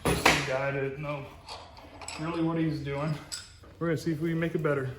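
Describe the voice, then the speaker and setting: A man's voice: fairly high pitch, a little fast, roomy sound, very noisy. A man talking casually as he takes apart a truck axle in a garage workshop, explaining each step as he goes. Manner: relaxed, explains steps as he works. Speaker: co-host working on a truck axle. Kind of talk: casual shop talk.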